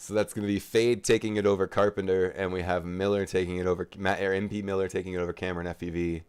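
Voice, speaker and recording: A man calls a drone race live in a low, deep voice. His tone is smooth and clear. He chats and jokes casually with the pilots between heats. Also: flat delivery, fast talker, a little mellow. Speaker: race commentator.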